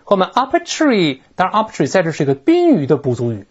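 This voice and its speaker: A teacher explains grammar in a lively, swooping voice, slowing down to stretch out words as examples. The sound is dull and lo-fi, without crisp highs. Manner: animated, explanatory, drawing out words to model pronunciation. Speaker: English teacher. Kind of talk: recorded grammar lecture. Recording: dull lo-fi recording.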